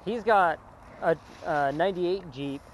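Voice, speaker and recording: Guy vlogging outdoors on a trail, fairly high voice, laid-back chat, faint noise behind. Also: measured pace. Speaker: vlog host. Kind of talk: casual chat while driving RC trucks.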